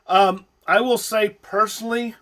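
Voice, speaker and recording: A man's voice: high-pitched, steady tone, measured pace, sharp tone. Blunt lecturing male commentator. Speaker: host commenting on a video clip. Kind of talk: voice-over reaction commentary.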